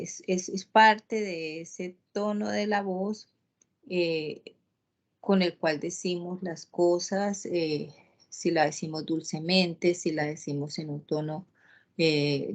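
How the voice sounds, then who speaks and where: A woman teaching an online class, talking slowly with many pauses, "eh" fillers and restarts. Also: fairly low pitch.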